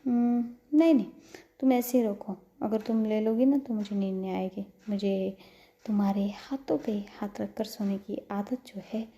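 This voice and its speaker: A woman's voice: medium pitch, steady tone, moderate pace, dark tone, lightly acted. A woman voicing an anxious, panicky young woman. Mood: tender.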